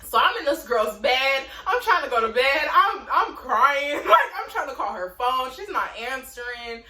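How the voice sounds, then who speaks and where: A woman's voice: high voice, big pitch swings, normal speed, bright, forceful tone. A young woman telling a story to her viewers in a chatty, slangy, casual way. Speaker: vlogger. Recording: roomy echo.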